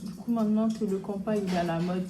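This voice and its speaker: A young woman from French Guiana chats casually while doing her makeup, at an ordinary middle pitch. She drops relaxed slangy asides as she talks to her viewers. Clear background noise runs under her voice. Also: fast. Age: young adult. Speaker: beauty vlogger.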